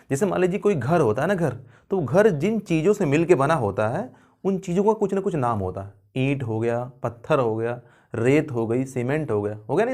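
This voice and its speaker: A man's voice: on the high side, darkish tone. A man teaching an English grammar lesson in a playful, jokey way. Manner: playful, jokey, addresses viewers as kids. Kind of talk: classroom lesson.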